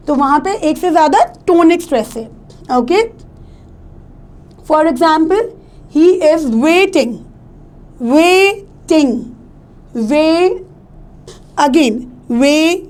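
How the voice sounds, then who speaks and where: A woman teaches a lesson, switching between Hindi and as she goes. Her voice sits high and her delivery is slow and deliberate. She keeps checking that her students are following. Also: darkish tone. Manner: mixes Hindi and English, asks checking questions. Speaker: English teacher. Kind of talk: classroom lecture.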